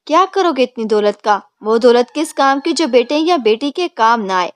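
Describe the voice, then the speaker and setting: A woman's voice: a little high, expressive, no echo, close to an everyday voice. A woman voicing a fierce, doting older mother who scolds her husband in an angry tone. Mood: scolding.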